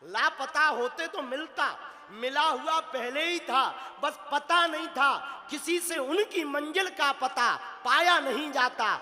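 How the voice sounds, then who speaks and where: Very high-voiced, slow-paced male preacher. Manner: animated storyteller, chants verses, shouts for emphasis. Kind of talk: devotional sermon with storytelling. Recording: long hall reverb with faint music.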